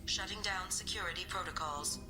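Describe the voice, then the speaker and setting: Brief: stern station security AI, low, sharp and formal, with faint game music behind. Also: female voice, fairly quick, rough recording. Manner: clipped, formal security announcements. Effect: computer announcement voice. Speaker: game character.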